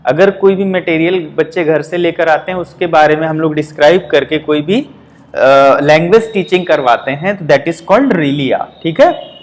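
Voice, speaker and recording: A man teaching an exam-prep language lesson, reading English options out slowly and explaining them in quick Hindi-English asides with frequent checks like "theek hai". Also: on the high side.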